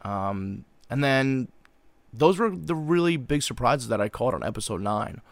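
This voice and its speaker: A young American man talks in full frat-bro mode, loose and slangy with swearing sprinkled all through. His voice sits at an average male pitch in a close, dry recording, like a co-host chatting casually on a podcast. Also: big pitch swings, unhurried, dry recording. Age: young adult. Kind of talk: casual chat recapping a show.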